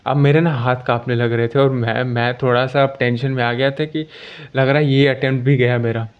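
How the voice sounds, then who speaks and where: A man's voice: medium pitch, steady tone, brisk, clear, resonant tone. A young man tells a story about his own exam casually, checking in often with the listener and correcting himself as he goes. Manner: conversational, with frequent "ठीक है" check-ins and self-corrections. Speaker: exam candidate sharing his experience. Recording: dull lo-fi sound.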